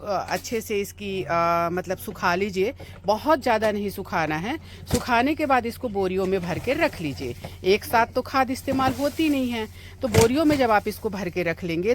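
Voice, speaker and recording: A woman's voice: a little high, noisy background. A woman gardening vlogger outdoors in her home garden in hot sun, chatting casually and explaining each step to her viewers. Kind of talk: casual how-to vlog.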